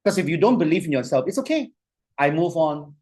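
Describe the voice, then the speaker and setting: A male lecturer in full classroom flow. He talks in an animated, repetitive way and keeps asking whether the students follow. He stretches key phrases out slowly for them to write down. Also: fairly high pitch. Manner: animated, repetitive, asks "you see?" often; slows way down to dictate phrases.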